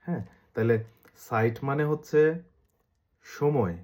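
A man with a Bangladeshi accent giving a casual lesson, repeating sounds slowly to demonstrate pronunciation. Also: mid-range voice, darkish tone. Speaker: language teacher.

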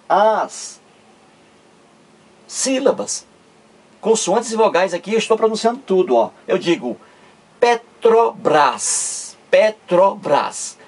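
A man teaching a grammar lesson, patient and repetitive, spelling letters out slowly and checking with tag questions. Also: fairly high pitch, darkish tone, breathy edge. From Ceará, Brazil.

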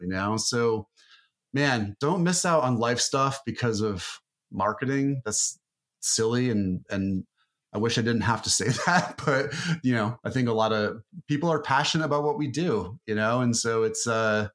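With a medium-pitched, slightly bright voice at normal speed, a man talks loosely as a marketing guest in a casual podcast interview, rambling with many fillers and restarts.

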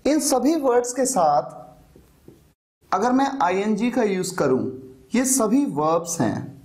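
A man's voice: sits high, big pitch swings, slow pace, darkish tone. A man teaching an English spelling lesson, who explains patiently, asks questions and answers them himself.

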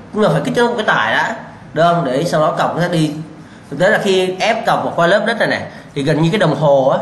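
Young guy teaching, high voice, keeps asking the class then answering himself, kinda blunt, echoey room. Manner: quizzing students with rhetorical questions, repeating answers; blunt, scolding warnings. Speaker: civil engineering lecturer. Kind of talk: lecture to students. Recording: echoey room with faint background hum.

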